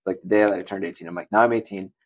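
A man's voice: low voice, racing, low-quality recording. A man from Wisconsin, a podcast guest, telling stories casually with lots of fillers and easy laughter. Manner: relaxed, chatty, laughs often, many fillers like "you know" and "like". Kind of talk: casual conversational storytelling.

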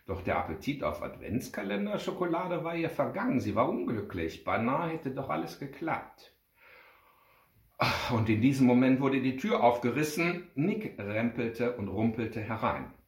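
Reading a children's story aloud with expression, a man then turns to address his friends as a club speaker. His mid-range voice is sing-song at a moderate pace, and the room gives off a noticeable echo.

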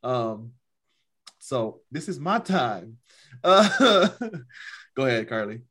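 A man's voice: mid-range voice, sing-song, takes it slowly, a bit bright, breathy edge. A man co-hosting a podcast, chatting casually, laughing often and repeating himself. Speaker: podcast co-host. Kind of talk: casual chat.

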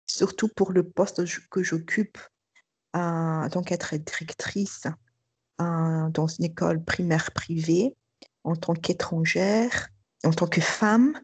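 A woman's voice: on the low side, slow pace, a little mellow, husky, no room sound. A middle-aged woman, a school director, giving a hesitant personal testimony full of fillers and restarts. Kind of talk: testimony interview.

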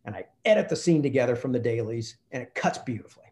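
Speaking fast and animatedly in a darkish mid-range voice, a man who directs films shares a behind-the-scenes anecdote in a storytelling interview. He's from Kentucky, performs the quoted exchanges, and the audio carries a roomy echo.

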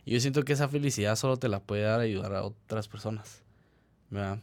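A man's voice: on the low side, a little fast, a little mellow, dry recording. A young man talks in an easygoing, slangy way on a casual podcast. He explains his points with everyday examples. His voice is recorded dry and close. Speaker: podcast co-host. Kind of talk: casual chat.

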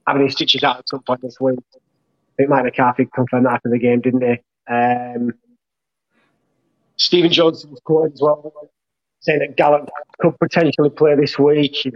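A man's voice: mid-range voice, no echo. A man co-hosting a casual sports chat over a remote call, his audio glitching and cutting out, with many restarts of his words. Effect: glitching audio that keeps cutting out. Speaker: podcast co-host. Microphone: remote call setup. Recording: dull lo-fi online call audio.

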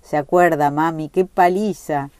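A woman's voice: sits low, steady tone, unhurried, dark tone, clear, resonant tone, dry recording. A woman reading a story aloud, voicing an exuberant, rambling young working-class man. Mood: boisterous.

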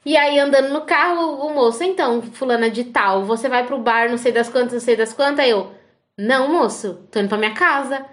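A high, light-voiced young woman with a Brazilian accent chats casually and acts out the people in her stories. She keeps an animated, storytelling way of talking. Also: a little fast. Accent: Brazilian Portuguese.

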